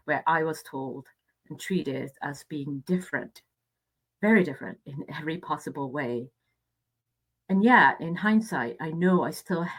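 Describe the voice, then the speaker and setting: A middle-aged woman from Japan giving a conference presentation in a reflective, measured way, with hesitant fillers. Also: deep voice, rough recording.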